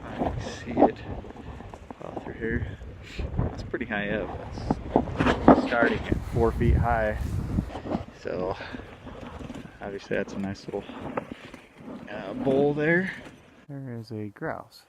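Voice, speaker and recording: A man vlogging while hiking outdoors, talking in a halting way with many pauses into a handheld camera microphone. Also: on the low side. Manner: halting, many uhs, soft-spoken. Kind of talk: casual hiking narration. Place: outdoors on a windy mountain ridge. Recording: loud wind noise on camera mic.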